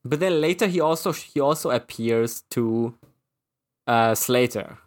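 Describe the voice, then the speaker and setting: Halting man reviewing a movie. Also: mid-range voice. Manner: halting, full of fillers and restarts. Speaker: podcast co-host. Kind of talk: casual movie review chat.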